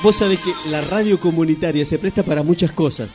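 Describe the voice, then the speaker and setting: A man's voice: a little high, quick pace, over loud music. A man co-hosting a casual community radio show, telling jokey stories and reading messages. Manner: storytelling, jokey. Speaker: radio co-host.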